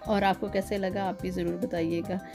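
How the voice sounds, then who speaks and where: A woman's voice: mid-range voice, level tone, normal speed, over music. A woman in her thirties, a mother and vlogger, talking playfully and coaxing her children with laughs. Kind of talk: casual family vlog.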